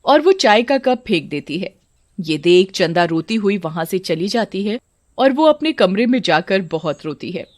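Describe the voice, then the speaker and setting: A woman narrating a scripted folk horror story in an expressive, dramatic way. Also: mid-range voice, normal speed, no echo.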